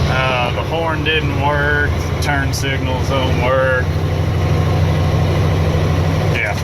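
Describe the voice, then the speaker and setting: A man chatting casually in a rambling, unhurried way, vlogging while driving a work truck. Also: fairly high pitch. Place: inside a moving work truck. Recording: loud vehicle and road noise.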